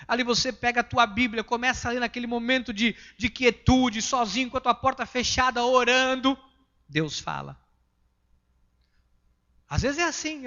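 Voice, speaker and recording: A Brazilian pastor preaching a sermon emphatically, swinging between loud passages and hushed ones. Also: male voice, very high voice, lo-fi sound. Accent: Brazilian Portuguese.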